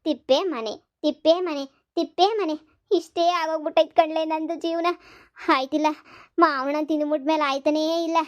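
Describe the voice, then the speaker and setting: A woman's voice: fairly even intonation, natural voice. A woman playing a wailing, worn-out village woman. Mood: exhausted, moaning. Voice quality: high, wailing, drawn-out calls. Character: weak, worn-out village woman with a stomach bug. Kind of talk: cartoon comedy voice acting.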